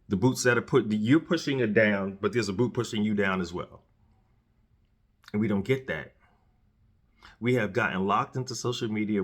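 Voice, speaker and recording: Earnest, preachy low-voiced man. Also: a bit bright. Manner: earnest, preachy, repeats words and restarts. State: dry mouth, has candy in his mouth. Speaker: podcast host. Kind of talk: casual solo commentary.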